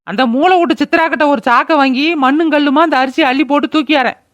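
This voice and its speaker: A cursing, wailing old village mother-in-law, voiced by a woman for a cartoon. The voice sits high. It is recorded dry and close. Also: fast talker, no room sound, close to an everyday voice. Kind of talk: cartoon voice acting.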